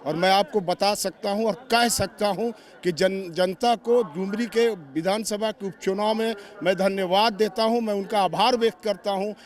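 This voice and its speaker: High-voiced man making emphatic political declarations. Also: normal speed, few pauses. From Giridih, Jharkhand, India. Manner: emphatic, rally-style declarations. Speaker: party official. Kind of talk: political interview answers. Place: outdoors at a party convention.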